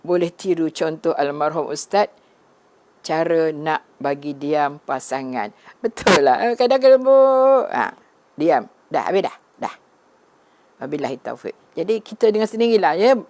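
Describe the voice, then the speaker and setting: Low, gravelly-voiced middle-aged woman preacher. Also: animated, a little slow. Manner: gentle, conversational, often tagging "ya" and addressing the audience. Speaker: religious teacher. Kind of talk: live online religious talk, reading viewers' comments.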